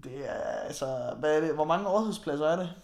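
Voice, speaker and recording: A young man chatting casually with a friend, telling travel stories and laughing often. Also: on the high side. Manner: laughs often, animated storytelling. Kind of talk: casual chat.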